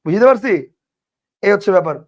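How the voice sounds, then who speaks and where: A man teaches grammar in a casual, chatty way. His voice sits high for a man. He keeps repeating his points and tossing rhetorical questions at the listener. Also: expressive, quick pace, lo-fi sound.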